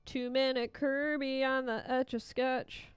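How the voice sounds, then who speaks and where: Female livestream host, smooth clear voice, playful chatty delivery, close dry sound over music. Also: sits high, level tone, unhurried, no room sound. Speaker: livestream host and Etch A Sketch artist. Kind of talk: casual livestream chat and running commentary to viewers.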